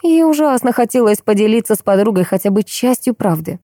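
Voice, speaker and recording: An audiobook narrator with a medium-pitched voice reads a novel aloud in an even, measured storytelling style. The scripted narration is recorded dry, at studio quality.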